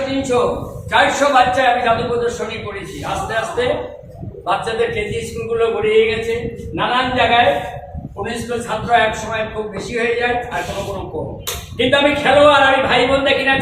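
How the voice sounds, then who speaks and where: A man in his seventies doing kids' party magician patter, calling out questions to the children and asking for applause. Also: very high-pitched. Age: 70s. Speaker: stage magician. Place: school magic show before children. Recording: very echoey room, distant mic, noisy.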